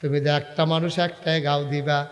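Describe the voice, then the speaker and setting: Wailing preacher in a hall. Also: male voice, flat delivery, moderate pace, muffled recording. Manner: swings from chanting wails to low storytelling. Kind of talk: Bengali waz sermon.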